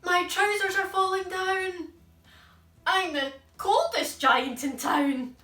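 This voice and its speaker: A woman's voice: very high-pitched, takes it slowly, sharp tone, voice pushed up, full character voice. A woman voicing a kind, cheerful giant in a children's storybook, with an exclaiming, sing-song manner. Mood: dismayed. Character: kind, cheerful giant who sings to himself. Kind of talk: children's storybook read-aloud. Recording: echoey room, distant mic, music behind.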